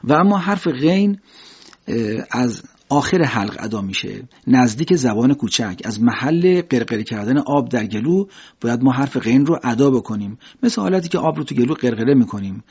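Husky-voiced man teaching pronunciation. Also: medium pitch, animated, a little mellow. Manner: explains step by step, then slowly demonstrates each sound. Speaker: Quran recitation teacher. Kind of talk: pronunciation lesson. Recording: dull lo-fi recording.

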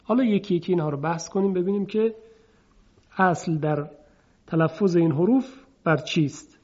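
A man teaching a lesson on Quranic recitation, explaining step by step, asking and answering his own questions, and chanting example sounds slowly. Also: high-pitched, a little mellow. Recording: dull lo-fi recording.

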